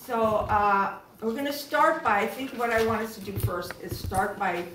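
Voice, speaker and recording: A woman facilitating a group workshop, speaking calmly and reflectively with gentle pauses. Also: mid-range voice, noisy background. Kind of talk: guiding a group session. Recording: echoey room, distant mic.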